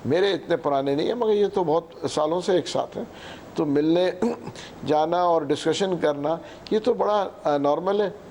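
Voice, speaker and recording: A man in his sixties with a Pakistani Urdu accent, answering as a political guest in slow, halting sentences full of fillers, often clearing his throat. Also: a little high, a little mellow, slight background noise. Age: 60s. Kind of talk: hesitant interview answers.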